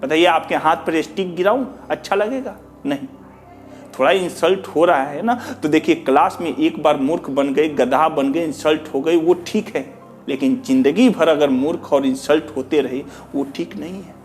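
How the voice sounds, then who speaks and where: Earnest man, fairly high voice. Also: normal speed, faint music behind. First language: Bhojpuri. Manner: earnest, repetitive, rhetorical questions, mixes in English. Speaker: teacher. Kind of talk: addressing students, reading out feedback.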